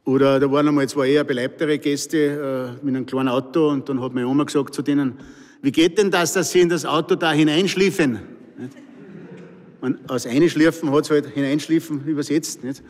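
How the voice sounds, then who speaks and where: Brisk and fairly high, with fairly even intonation, this older Austrian man speaks in a Pinzgau accent from his home region in Salzburg. He's 60 or older, an author entertaining listeners with live anecdotes and readings of his own stories in a wry, dry style. Long reverb fills the echoey hall.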